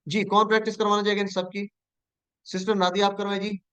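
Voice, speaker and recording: A man's voice: high voice, flat delivery, quick pace, a bit bright, clean tone, no room sound. A man teaching an online class, leading call-and-response drills and patiently inviting students to answer.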